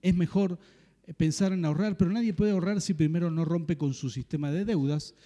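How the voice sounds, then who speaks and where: Man, middle-aged, Rioplatense Spanish accent, pastor, storytelling sermon, repetitive and humorous, very dark mellow tone. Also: fairly high pitch, steady tone, fairly quick, big-room sound.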